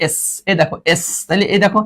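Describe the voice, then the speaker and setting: A man's voice: sits high, steady tone, fast, a bit bright. A man teaching an English grammar lesson to students, mixing English and Bengali with a Bangladeshi Bengali accent and teasing the class.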